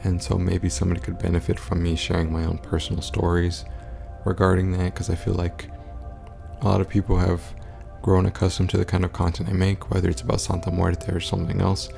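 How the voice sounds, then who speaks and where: A man talking low and quietly, as in a sleeping house at night, in a monotone, stoic way for a casual vlog update. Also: a little fast, creaky, over music. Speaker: content creator.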